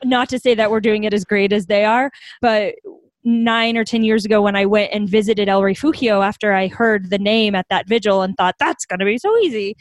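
A young adult woman with a mid-range voice, the founder of a hospitality home, tells stories as a guest in a casual interview and laughs often. The recording is dry.

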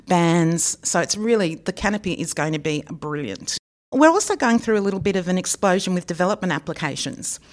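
A woman, co-hosting a local news podcast in a chatty, upbeat way. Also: on the low side. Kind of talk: casual chat.

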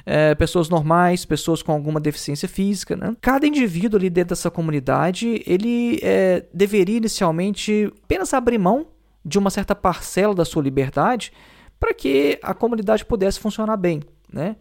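A man's voice: high voice, animated, normal speed, creaky, a little mellow. A man explaining philosophy in a lecture, thinking aloud with many fillers and tag questions. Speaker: teacher.

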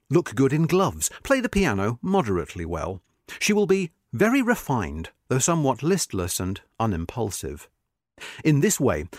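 A man with a mid-range voice gives a scripted narration of a history article from a magazine, reading in a measured, expressive way. His intonation swings widely from phrase to phrase, marking key words with strong emphasis. The recording is dry and close, with no echo or room sound.

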